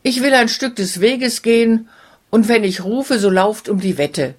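A woman's voice: on the high side, unhurried, slightly rough. A woman reading as a fearless young hero. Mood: determined. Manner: earnest, indignant. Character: bold fearless young man.

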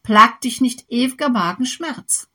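Brief: woman voicing a pleading little fairy-tale snake, breathy, earnest. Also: a little high, expressive, unhurried, bright, forceful tone, exaggerated voice. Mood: advising. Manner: pleading, solemn storybook voice. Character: small enchanted female snake, pleading and earnest.

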